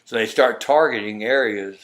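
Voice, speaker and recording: A middle-aged man with a Texas accent, speaking on the low side at a moderate pace with a fairly bright tone, appears as an interview guest telling a long, rambling story. He acts out the quoted dialogue of the people involved in a conversational storytelling style.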